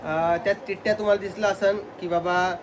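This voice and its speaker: A man's voice: sits high, fairly even intonation, fairly quick. Chatty man vlogging in a noisy home. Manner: chatty, talks straight to viewers. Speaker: family vlogger. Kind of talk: casual family vlog chat.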